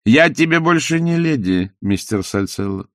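A man voicing a stern, fearless old female witch who speaks calmly and cuttingly. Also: medium pitch, moderate pace, no room sound, studio quality, voice pushed up, lightly acted. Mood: cold. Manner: calm, cutting, knowing.

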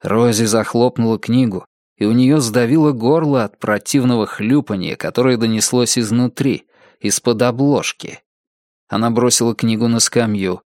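A man reading a novel aloud as an audiobook narrator, in a measured, deliberate way. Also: medium pitch, darkish tone, dry recording, studio quality. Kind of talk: scripted narration.

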